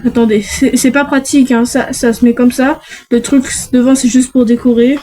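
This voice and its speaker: Young woman, high mellow voice, chatty unboxing vlogger who thinks aloud. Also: steady tone, normal speed, low-quality recording. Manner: chatty, self-talking, frequent restarts. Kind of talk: casual unboxing chat.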